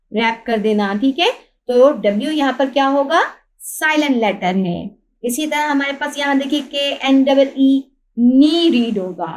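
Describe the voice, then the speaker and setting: High-voiced Pakistani woman teaching a lesson. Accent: Pakistani Urdu. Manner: spells out words letter by letter, asks and answers her own questions. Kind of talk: lesson explaining a textbook.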